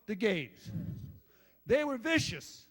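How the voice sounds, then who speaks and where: Older man, high-ish voice, profane, blunt former coach telling war stories at a dinner. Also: sing-song, slow pace, a bit bright. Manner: blunt, salty storyteller, swears and jokes with the crowd. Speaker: former football head coach giving induction speech. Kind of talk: rambling after-dinner speech with stories.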